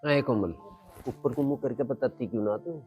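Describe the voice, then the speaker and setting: An actor playing an older village uncle with a Haryanvi accent, coaxing and questioning. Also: male voice, medium pitch, moderate pace, a little mellow, soft background music, close to an everyday voice. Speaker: maternal uncle.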